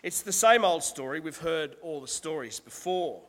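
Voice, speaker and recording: A man preaching a sermon as pastor, husky from a cold, in a conversational, self-deprecating way. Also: on the high side, animated, normal speed, a bit bright, long reverb tail.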